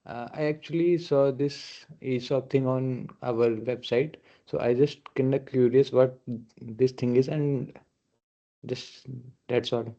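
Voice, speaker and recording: A man's voice: medium pitch, steady tone, slow, dark tone. A man heard through a video call, greeting the group and hesitantly asking about something he noticed. His words trail off tentatively. The call audio is dull and sounds distant. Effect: heard over a video call. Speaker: community meeting participant.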